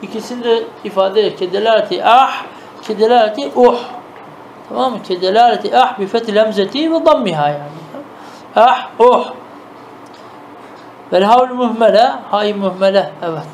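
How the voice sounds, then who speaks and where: A man teaching a traditional madrasa-style lesson. He reads classical Arabic phrases, then explains them patiently with quick rhetorical questions and often checks that his students follow. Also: sits high, darkish tone, slight background noise.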